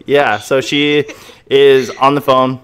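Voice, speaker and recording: A man's voice: mid-range voice, fairly even intonation, slow pace, fairly bright tone. A man hosting a casual podcast interview, upbeat and enthusiastic, with frequent fillers. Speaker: podcast host.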